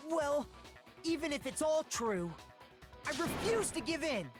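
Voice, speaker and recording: A woman's voice: sits high, animated, unhurried, music in the background. A woman playing an earnest, defiant teenage schoolboy hero in a video game, indignant and emphatic. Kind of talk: English video game voice acting.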